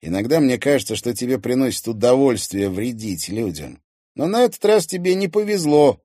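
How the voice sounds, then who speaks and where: A man's voice: mid-range voice, big pitch swings, normal speed, mellow, dry recording, clean studio sound, pitched above the performer's own voice. A man voicing an angry, blunt teenage boy who answers curtly and with disgust, in an audiobook. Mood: indignant. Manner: curt, grumbling.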